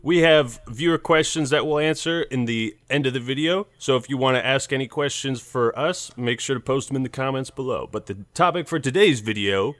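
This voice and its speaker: A man's voice: mid-range voice, a little fast, few pauses, fairly bright tone, dry recording. A man hosting a casual podcast, playful and theatrical. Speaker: podcast host.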